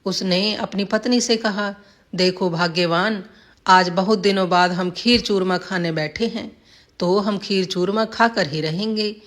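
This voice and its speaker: A woman's voice: medium pitch, measured pace. Woman reading a village folk tale. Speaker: storyteller. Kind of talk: scripted story narration.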